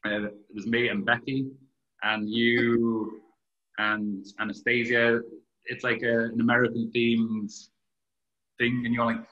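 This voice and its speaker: Man interviewer, casual and chatty, bright tone, roomy sound. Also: mid-range voice, monotone, highs cut off. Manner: chatty, quick bursts, laughs often.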